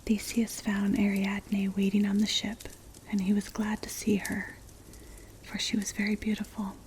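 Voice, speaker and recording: A woman's voice: medium pitch, monotone, normal speed, a little mellow. Whispering woman reading an ASMR story. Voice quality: breathy, unvoiced whisper. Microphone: close mic, ear-to-ear ASMR. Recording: clear background noise, clicks. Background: crackling fire.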